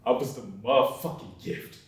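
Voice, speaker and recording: A man's voice: mid-range voice, moderate pace, lightly acted. A young man acting a monologue as a separated father full of regret, confessing in a brooding, profane way. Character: remorseful separated father who missed son's birthday. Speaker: student actor. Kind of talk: dramatic monologue. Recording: very echoey room, mic far off.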